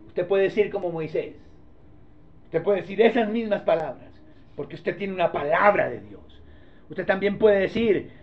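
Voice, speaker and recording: A male pastor delivers an impassioned sermon in a very high, animated voice. He swings between loud exhortation and quiet asides to the congregation. The recording sounds dull and lo-fi.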